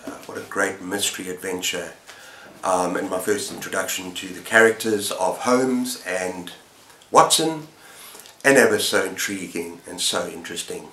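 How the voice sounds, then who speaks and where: A man in his fifties with a lowish, bright and forceful voice reviews books to camera for his channel. He chats casually and enthusiastically, rambling a little, in a small indoor room lined with bookshelves. The recording has a roomy echo and faint background noise.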